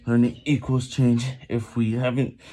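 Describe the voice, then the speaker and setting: A man reading a book aloud while doing push-ups, sounding effortful and halting, stumbling over words and repeating them. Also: mid-range voice, level tone, mellow. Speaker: amateur vlogger reading aloud.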